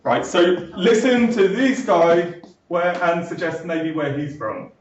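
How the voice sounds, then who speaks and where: A man's voice: high-pitched, animated, unhurried, slight background noise. A young man from London teaching students in a classroom, chatty, tagging lines with "right?". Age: young adult. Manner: chatty, keeps checking in with "right?". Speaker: linguistics lecturer. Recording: echoey room, far from mic, dull sound.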